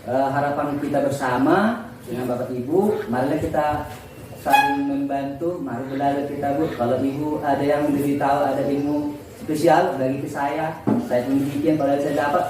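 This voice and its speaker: A man's voice: medium pitch, fairly even intonation, moderate pace, a little mellow. A man, a teacher, giving an informal presentation to colleagues in a conversational way, often acting out exchanges with students. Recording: echoey room, far from the mic, faint noise.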